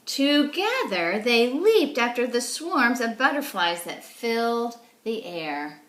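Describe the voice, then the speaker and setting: A woman speaks slowly in a roomy, echoing space, in the style of a teacher at children's story time. She explains things in simple words and puts little questions to her young listeners as she reads. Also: on the high side, sing-song, a bit bright. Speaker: children's teacher reading stories. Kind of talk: animated storybook read-aloud for young children.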